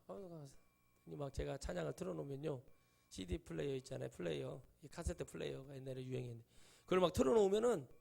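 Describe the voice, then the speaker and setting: Gravelly high-voiced man preaching. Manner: emphatic preaching with shouted peaks and quiet asides; tells personal stories, acting out quoted voices. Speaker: pastor. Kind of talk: sermon.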